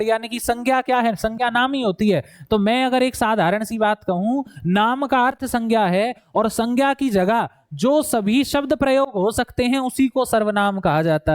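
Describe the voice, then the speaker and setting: A man coaching students for a Hindi exam, calling them "bhai" and slowly repeating words to show how they are pronounced. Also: very high-pitched, no room sound, clean studio sound. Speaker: exam prep teacher. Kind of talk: explaining Hindi grammar for an exam.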